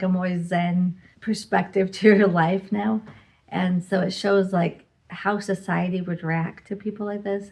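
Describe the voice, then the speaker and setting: A woman's voice: lowish voice, a little mellow. A woman casually reviewing the books she read this month in a rambling vlog, with lots of "like" and "you know". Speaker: book reviewer.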